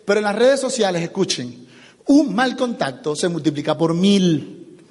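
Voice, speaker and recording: High-voiced man in a reverberant hall. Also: normal speed. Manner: animated, acts out dialogues. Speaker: business speaker. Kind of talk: motivational seminar talk.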